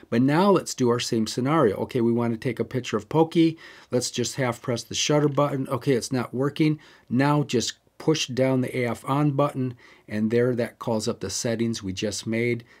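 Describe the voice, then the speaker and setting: A man with a mid-range, slightly mellow voice walks viewers through camera settings one step at a time. His casual tutorial is chatty and now and then drifts into a digression.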